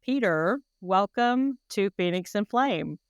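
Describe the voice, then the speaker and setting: A woman's voice: mid-range voice, lively intonation, slow pace, smooth, dry recording, studio quality. A woman hosting a podcast interview, effusive and asking long run-on questions. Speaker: podcast host.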